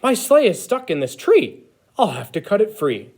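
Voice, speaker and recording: A man's voice: high-pitched, wildly swooping pitch, moderate pace, a little mellow, breathy edge, voice pushed up, full character voice. A man voicing a kindly, jolly old Santa as an emphatic storybook character. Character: jolly old male Santa Claus, kindly sleigh leader.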